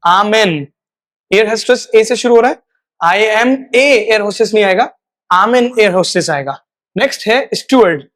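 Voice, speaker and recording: A man teaching a spoken English lesson. He repeats each example phrase, stretches it out slowly, and checks in often with "right?". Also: high-pitched, lively intonation, a bit bright. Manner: slow, drawn-out model phrases; repeats words for practice.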